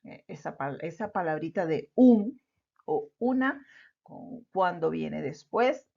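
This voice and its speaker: A woman's voice: fairly low pitch, lively intonation, slow pace, gravelly, warm tone. A woman teaching an English lesson patiently, repeating example words and checking in with "all right?". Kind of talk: slow explanatory lesson. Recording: dull lo-fi recording.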